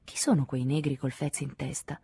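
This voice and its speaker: A woman's voice: very deep voice, little pitch movement, moderate pace, dark tone, slightly rough, no room sound, heavily acted. A woman reading the part of an anxious woman in love, pleading and tearful, in an audiobook. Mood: restless.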